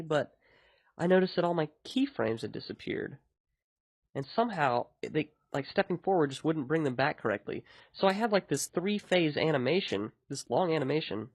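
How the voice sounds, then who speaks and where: A man's voice: mid-range voice, dry recording. A man hosting a podcast, talking in a casual, rambling way about his own work. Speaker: podcast host and indie game developer.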